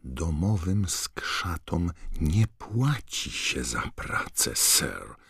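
A man voicing a timid, servile female house-elf in an audiobook, with a high, trembling squeak and constant deference. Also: big pitch swings, drawn-out words, fairly bright tone, breathy edge, dry recording, studio quality, exaggerated voice. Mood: fretful, disapproving. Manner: servile, calls everyone sir. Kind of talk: audiobook character voice.

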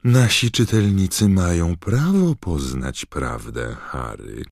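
A man's voice: deep voice, animated, slow, gravelly, no echo, clean studio sound, pitched above the performer's own voice, full character voice. A man voicing a scheming, fawning female gossip reporter in an audiobook, pushy and sly. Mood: wheedling. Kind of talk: audiobook character voice.

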